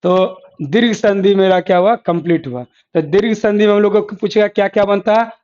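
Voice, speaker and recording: Speaking at a normal pace, this man has a high, slightly mellow voice. He's teaching exam prep from the board in a repetitive style, posing questions to students and supplying the answers himself while repeating the important terms, captured in dull lo-fi classroom audio.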